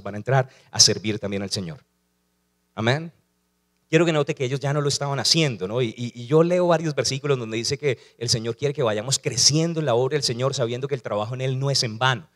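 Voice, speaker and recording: A male pastor preaching a sermon, asking rhetorical questions and calling on the congregation to repeat after him. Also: mid-range voice.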